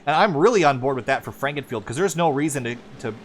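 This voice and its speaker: A man calling sim racing play-by-play as lead commentator, quick and building excitement during the action. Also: medium pitch, slight background noise.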